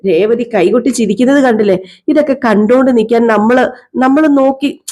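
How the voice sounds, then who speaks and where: A woman's voice: a little high, brisk, mellow. Chatty woman recapping a TV serial. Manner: chatty, retells scenes and acts out the characters' lines. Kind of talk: casual recap narration.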